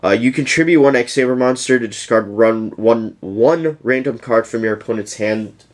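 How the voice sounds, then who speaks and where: A man's voice: medium pitch, moderate pace. A young man giving a casual, rambling deck profile to his channel, yawning as he goes. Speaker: YouTuber presenting a card deck.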